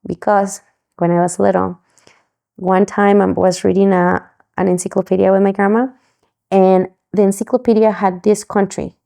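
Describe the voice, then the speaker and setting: A woman from Mexico, a podcast guest, telling her story in a lively way and acting out the voices of the people she quotes. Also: mid-range voice, gravelly. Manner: animated, acts out quoted voices.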